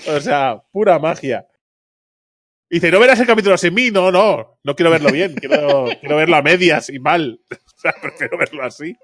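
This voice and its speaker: A man co-hosting a podcast in casual chat, telling animated stories and acting out quotes with frequent laughter. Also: a little high, normal speed, no echo. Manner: animated storytelling, acts out quotes, laughs often. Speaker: podcast co-host.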